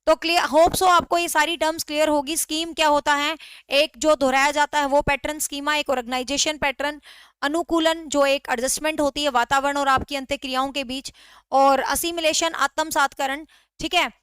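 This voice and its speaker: A woman's voice: high voice, fairly even intonation, normal speed, fairly bright tone, no echo. A woman teacher giving an online class lecture, often asking questions and answering them herself, and mixing English words into her teaching. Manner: repetitive quizzing, mixes in English words.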